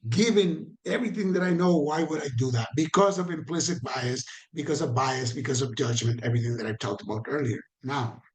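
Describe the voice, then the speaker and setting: Speaking fairly quickly with few pauses, a man with a higher voice and a Caribbean Spanish accent teaches an online training. The tone is conversational, with audience questions and repetition for emphasis.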